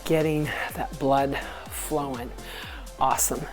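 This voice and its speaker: A woman's voice: very deep voice, fairly even intonation, slow. A woman working as a fitness instructor, leading an exercise class with short, encouraging cues and counted repetitions over workout music. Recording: music behind the voice.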